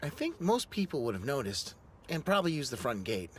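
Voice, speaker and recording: A man voicing a timid, excitable teenage boy who stammers nervously, in an anime dub. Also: medium pitch, a little fast, a little hiss or hum. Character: timid, excitable teen boy, lone sumo club member.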